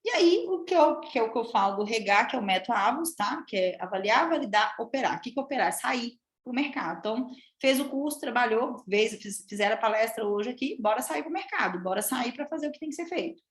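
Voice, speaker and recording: A woman from Minas Gerais with a Minas Gerais accent, a public speaking coach giving a lively, chatty live talk and addressing the audience often. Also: on the high side, fast talker, few pauses, reverberant. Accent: Minas Gerais Portuguese. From Minas Gerais, Brazil. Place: room with an audience.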